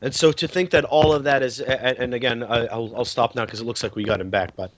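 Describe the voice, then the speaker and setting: A man speaking as a panelist in an unscripted discussion, emphatic but halting, often repeating his words. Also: medium pitch, steady tone, dry recording. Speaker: panelist and translator. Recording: muffled online call audio.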